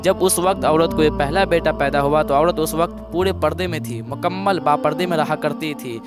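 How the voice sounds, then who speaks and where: A man with a slightly high voice, speaking at normal speed, preaches a sermon over background music. He retells a moral story in plain words, repeating phrases for emphasis.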